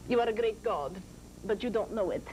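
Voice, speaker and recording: A seance medium's trance voice, pitched high like a woman's. The spirit is serene and grand, teaching in formal, deliberate phrases. There is some noise from an old TV broadcast. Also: animated. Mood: grand greeting.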